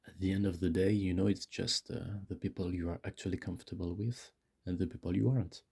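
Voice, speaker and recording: Man, deep and husky, rambling casually right up against the mic, hesitant delivery. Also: fairly even intonation, quick pace, a little mellow. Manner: hesitant, searching for words, loses his thread. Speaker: video creator. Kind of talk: casual rambling monologue, self-help musing. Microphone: very close to the microphone. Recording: close-miked with mouth clicks.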